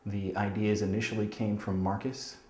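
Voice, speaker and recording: A comic writer telling the backstory in a documentary interview, acting out quotes. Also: male voice, on the low side, level tone, normal speed, darkish tone, reverberant. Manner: storytelling, acts out quotes.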